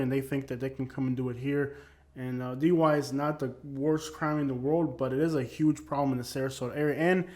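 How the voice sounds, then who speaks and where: With a mid-range, slightly mellow voice, the host of an opinion channel delivers opinionated commentary about arrest records. He's blunt and emphatic, and keeps going back over the same points.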